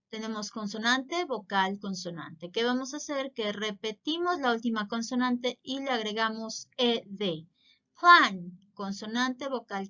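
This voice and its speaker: A woman teaching English grammar in Spanish, giving clear step-by-step explanations and pronouncing English example words. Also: a little high, sharp tone, highs cut off.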